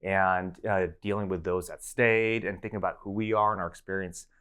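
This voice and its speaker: Relaxed low-voiced American man telling stories. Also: fairly quick, smooth. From United States. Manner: relaxed, storytelling with fillers and restarts. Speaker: guest professor. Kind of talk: conversational interview.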